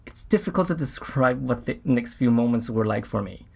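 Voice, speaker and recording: This actor voices an earnest, rattled Mars mission scientist reflecting haltingly on events, like a documentary interviewee. His mid-range male voice is expressive and creaky, with a darkish tone.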